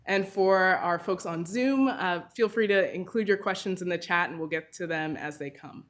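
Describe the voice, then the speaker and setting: A woman's voice: lowish voice, moderate pace. A woman moderator giving formal opening remarks at an event, upbeat and scripted with a few uh fillers.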